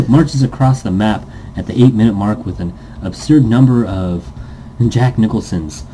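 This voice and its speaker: In a mellow, lowish voice, this let's player narrates a story, tripping over the text, fixing his mistakes, and breaking off for silly playful comments. There's a little hiss or hum on the low-quality recording.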